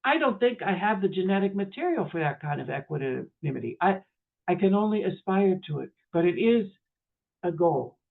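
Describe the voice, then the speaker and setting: A man's voice: sits high, normal speed, creaky. A middle-aged man, a chaplain, telling a personal story in a workshop talk and acting out the voices of the people in it. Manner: animated, acts out dialogue in first person. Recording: tinny phone-like audio.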